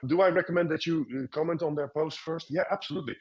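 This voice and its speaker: A man's voice: fairly high pitch, steady tone, quick pace, husky, dull audio. A man answering questions as a guest expert in a live online session, often repeating words as he explains.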